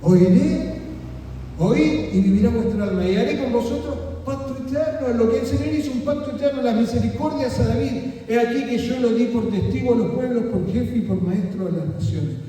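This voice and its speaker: A man's voice: very high voice, normal speed, mellow, slight background noise. A man preaching a sermon, asking the congregation rhetorical questions and quoting scripture. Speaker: pastor. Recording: echoey hall from far off.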